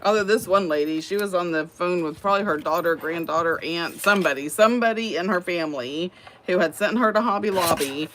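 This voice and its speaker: A chatty, folksy middle-aged woman with a Southern US accent rambles and laughs as she crafts. Her voice sits a little low. A faint hiss runs under it. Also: fairly quick. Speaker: craft livestream host. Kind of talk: casual chat while crafting.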